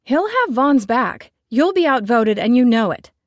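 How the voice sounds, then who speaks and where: Narrator doing a feisty female chef, sharp, emphatic, lifted pitch. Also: very animated, measured pace, dry recording, clean studio sound. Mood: defiant. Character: petite fiery female chef, bossy and teasing.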